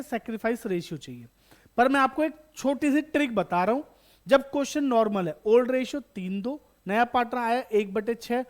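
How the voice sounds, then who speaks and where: Guy teaching accounts to exam kids, kinda high voice, keeps quizzing them then answering himself. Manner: asks students questions and answers them himself, repeats key terms; calls students beta, bachche, addresses viewers directly. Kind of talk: online exam-prep lesson.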